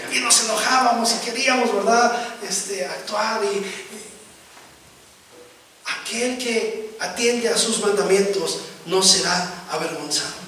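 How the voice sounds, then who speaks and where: A man's voice: sits high, a little slow, pushed and bright. A man preaching a sermon as pastor, stressing points and often adding "¿verdad?" to check on his listeners. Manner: preaching with rising emphasis and frequent "¿verdad?" asides. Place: church hall. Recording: echoey room, distant mic, noisy.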